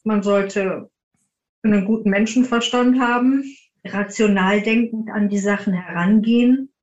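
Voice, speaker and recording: Speaking a little slowly with a darkish, mid-range voice and fairly even intonation, a woman answers interview questions in a conversational way. She's a team founder on a podcast as a guest, and the recording is roomy, slightly muffled, and dull.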